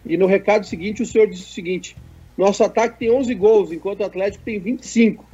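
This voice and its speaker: A man's voice: high voice, fast talker, dark tone, husky, lo-fi sound, faint music behind. A man, co-hosting a casual sports chat and reading viewer messages in a joking way. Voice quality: nasal. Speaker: co-host.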